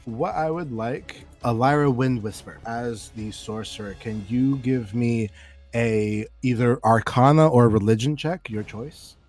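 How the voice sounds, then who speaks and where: A man acting as game master, narrating scenes in a loose, rambling way and laughing often, with soft music in the background. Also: mid-range voice, measured pace. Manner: giggly, loose, rambling descriptions.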